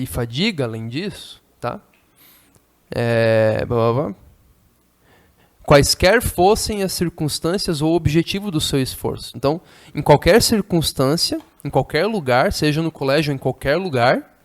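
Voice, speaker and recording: A Brazilian man with a slightly higher voice than most men is teaching a literature class at a church. He reads passages aloud, then puts them into plain everyday words. He keeps checking that his listeners follow along. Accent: Brazilian Portuguese. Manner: explains line by line, keeps checking the class understands.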